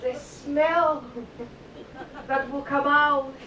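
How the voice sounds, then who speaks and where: A high-pitched woman with a Greek accent demonstrates cooking to a live audience. She is playful and emphatic, repeating words and putting questions to her listeners. She is heard from a distance in an echoey room with clear rumbling noise. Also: steady tone, extremely slow. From Greece. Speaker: cooking demonstrator on a cruise ship.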